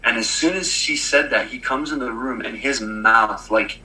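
Rambling bright-voiced man telling a story. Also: medium pitch, moderate pace, poor audio. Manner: rambling storyteller with many fillers and restarts. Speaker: podcast co-host. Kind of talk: casual chat.

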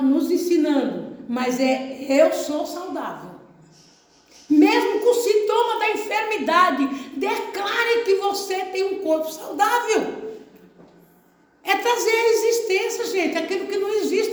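A woman pastor from Brazil preaches to her congregation in a high voice. She repeats her phrases for emphasis and calls out for an amen. The church hall around her is heavily echoey. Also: animated, a little slow. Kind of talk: sermon. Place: church service.

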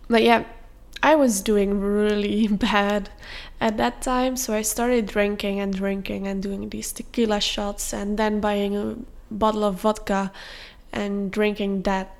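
A young woman hosts a podcast, telling a personal story in a candid, confessional way. Her voice carries a gravelly vocal fry, and she pauses on soft fillers as she goes. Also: mid-range voice, flat delivery. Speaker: podcast host.

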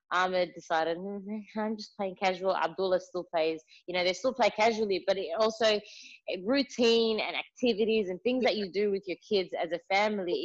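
A young woman, a mother, telling chatty stories with plenty of fillers in casual conversation. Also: medium pitch. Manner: chatty storyteller, many fillers. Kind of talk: casual chat. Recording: slightly muffled lo-fi audio.

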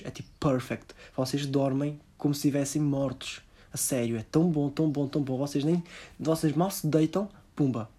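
A man with a European Portuguese accent parodying a vapid young female influencer, drawling in a slow, sing-song way. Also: mid-range voice, dark tone, lightly acted.

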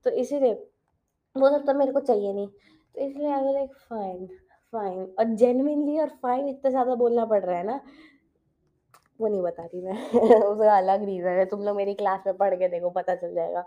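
A woman's voice: medium pitch, moderate pace. Chatty teen girl, lo-fi sound. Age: teens. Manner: chatty, mixes in English, laughs often. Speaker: podcast host. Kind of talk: casual chat. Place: home.

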